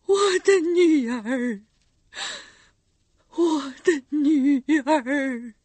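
A woman's voice: sits high, sing-song, takes it slowly, slightly rough, no echo, voice pushed up, exaggerated voice. A woman voicing a grieving, vengeful middle-aged recluse mother who cries out in anguish.

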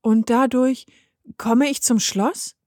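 A woman's voice: fairly high pitch, steady tone, slow pace, darkish tone, dry recording, studio quality, voice pushed up. A woman voicing Mirko, a young male traveller who is skeptical and then nervous, in a storybook reading with a raised, earnest delivery.

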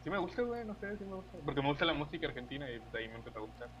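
A man's voice: fairly high pitch, sing-song, racing, highs cut off, background noise. A young Mexican man co-hosting a podcast in casual chat, easygoing and hesitant, often repeating himself. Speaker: podcast co-host.

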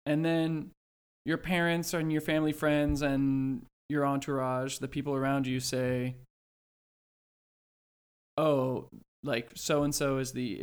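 Young man musing in casual podcast chat. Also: fairly high pitch. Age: early twenties. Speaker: podcast co-host.

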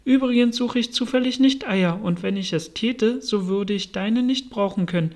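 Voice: medium pitch, normal speed, lightly acted. A reader voicing a polite, bewildered little girl in a storybook. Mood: protesting. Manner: earnest and bewildered. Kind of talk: storybook reading.

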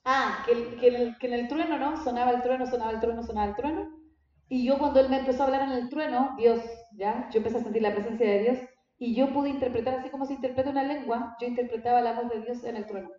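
A woman's voice: fairly high pitch, fairly even intonation, fast, dark tone. A woman pastor, teaching her congregation in a conversational way and often asking them questions. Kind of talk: church teaching talk. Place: church hall. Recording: very echoey church hall, dull sound.

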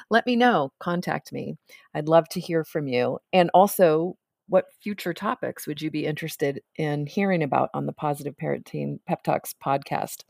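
A middle-aged woman with a low voice hosts a parenting podcast. She tells family stories calmly and earnestly, acting out the quotes. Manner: calm, earnest storytelling with acted quotes. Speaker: podcast host.

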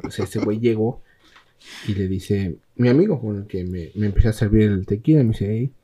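A man with a Mexican accent hosting a podcast, telling a story in a casual, slangy, animated way and imitating other people. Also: on the low side, a little fast, slightly rough. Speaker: podcast host.

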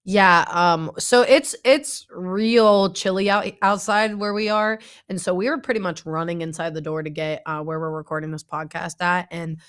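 A youth pastor in her twenties from Northeast Ohio co-hosts a podcast, chatting in a laid-back, slangy way packed with fillers. Her lowish voice is clean, fairly bright and steady, moving at a moderate pace with hardly any pauses.

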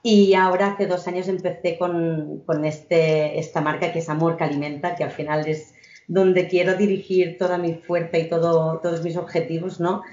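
A woman's voice: lowish voice, fairly even intonation, normal speed, slight background noise. Reflective woman in her thirties, roomy lo-fi sound. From Catalonia, Spain. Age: 30s. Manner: warm, reflective, many fillers and restarts. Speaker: guest, entrepreneur. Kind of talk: conversational interview.

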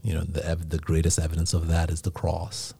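A man's voice: a bass voice, completely flat delivery, brisk, vocal fry, dark tone, slight background noise. A man with a Nigerian accent co-hosting a casual faith discussion, teaching reflectively and often checking in with "right?".

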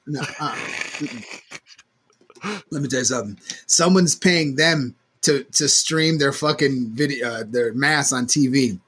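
This man co-hosts a podcast and chats casually, spinning stories with lots of animation, free swearing, and acted-out quotes. He speaks a little slowly, with a medium pitch and a breathy edge.

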